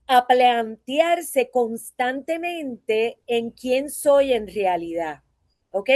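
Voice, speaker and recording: Her voice sits high and warm, captured with no echo. This Puerto Rican voice teacher, carrying a Puerto Rican Spanish accent, delivers a chatty conference talk and keeps asking her audience tag questions to check in.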